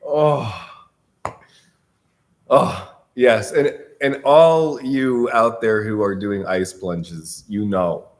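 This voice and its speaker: A man hosting a relaxed, conversational interview, explaining and asking questions informally. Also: lowish voice, very slow. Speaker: podcast host. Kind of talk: casual interview chat.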